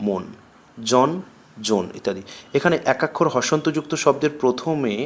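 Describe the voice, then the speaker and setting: A man teaching a grammar lesson with a Bengali accent, reading questions and rules aloud in a slow, deliberate way and repeating each example word. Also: mid-range voice.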